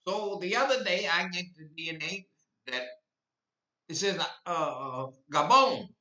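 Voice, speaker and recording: Bright-voiced man in his eighties. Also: high-pitched, lively intonation, unhurried. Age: 80s. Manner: rambling, repeats himself, grows impassioned. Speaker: podcast host. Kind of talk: rambling live-stream monologue. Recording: echoey, distant, dull lo-fi.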